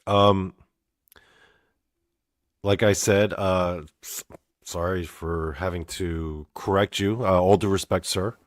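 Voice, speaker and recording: A young man from Canada hosting a comedy interview show, talking in a halting, awkward way full of fillers. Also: deep voice, fairly even intonation, no echo, clean studio sound. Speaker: host.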